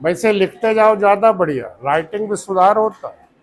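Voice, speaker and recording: Casting: high-voiced Indian male biology teacher, North Indian Hindi accent, preachy classroom lecture full of rhetorical questions. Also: expressive, normal speed, slight background noise.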